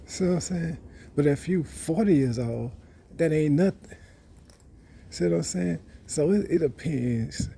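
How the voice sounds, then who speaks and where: A man's voice: fairly high pitch, measured pace, gravelly, mellow, a little hiss or hum. A man, rambling and boasting in a casual monologue that repeats itself. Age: 30s. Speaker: vlogger.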